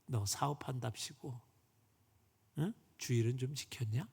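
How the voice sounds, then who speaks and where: A man voicing God as a stern male figure who gruffly reproaches a businessman with questions, heard in a reverberant church hall. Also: mid-range voice, measured pace, darkish tone, pitched below the performer's own voice, exaggerated voice. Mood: scolding.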